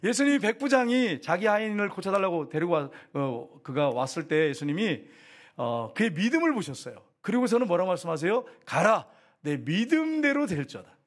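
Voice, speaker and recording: A man's voice: sits high, animated, a little fast. A middle-aged male pastor, preaching a sermon animatedly and putting rhetorical questions to the congregation.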